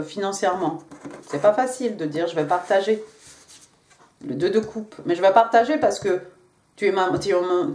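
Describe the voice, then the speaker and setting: A woman's voice: medium pitch, a little mellow, echoey room. A woman with an English accent giving a casual tarot reading in French, chatty with frequent hesitations and restarts. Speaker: tarot card reader.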